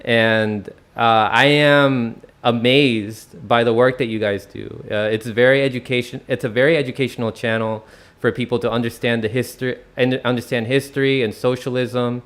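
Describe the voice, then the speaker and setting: Dc area dude hosting a chill interview, smooth clean voice, lots of ums. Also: male voice, medium pitch, moderate pace. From Washington, D.C. area, United States. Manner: relaxed, friendly, many "um"s. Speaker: host of an online channel. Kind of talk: casual interview talk.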